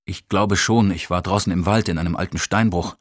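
A man reading the part of a desperate, grim, overweight middle-aged father in an audiobook, in a husky, tense and pleading voice. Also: deep voice, fairly even intonation, brisk, no room sound, clean studio sound.

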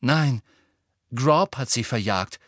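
A man's voice: medium pitch, expressive, takes it slowly, a bit bright, dry recording, clean studio sound. A man voicing an anxious, angry teenage wizard boy who talks in a snappish, agitated way.

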